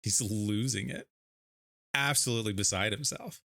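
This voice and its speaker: A young man streaming a tabletop game, describing his character in a rambling, animated way. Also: fairly low pitch, moderate pace, vocal fry, no echo, clean studio sound. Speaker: streamer and player.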